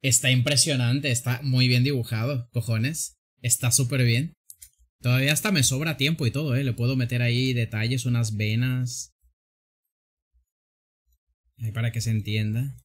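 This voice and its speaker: Joking streamer, medium pitch. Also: male voice, steady tone, normal speed. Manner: joking, exclaiming, laughing often. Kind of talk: casual gameplay commentary.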